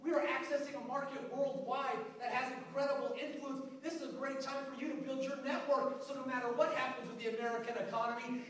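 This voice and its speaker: A fiery man delivers a motivational speech like a preacher, his voice pitched very high. He is recorded from a distance in a big hall, and the sound booms with a long echo. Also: a bit bright. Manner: fiery, preacher-like call and response. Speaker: motivational speaker. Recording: echoey hall, far from the mic.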